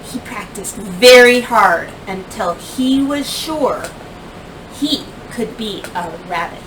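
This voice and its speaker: A woman teacher reads a children's picture book aloud with a medium-pitched, expressive voice, using deliberate phrasing, dramatic pauses and emphasis. The mic is distant, with faint background noise.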